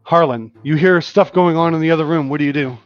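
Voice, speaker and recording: A man's voice: a little high, fast, no echo. A man runs a tabletop game as game master, narrating scenes and calling for rolls with frequent uhs and restarts. His voice comes through slightly dull, lo-fi stream audio, with faint music playing underneath. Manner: descriptive, with frequent restarts and "uh" fillers.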